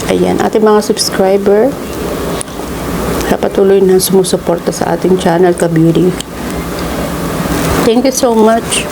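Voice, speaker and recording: A Filipino woman vlogger chats casually in a slightly low voice. She speaks slowly and haltingly, leaving gaps between phrases. Clear ambient noise runs behind her. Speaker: vlogger hosting a mukbang. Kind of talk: casual vlog chat with shout-outs.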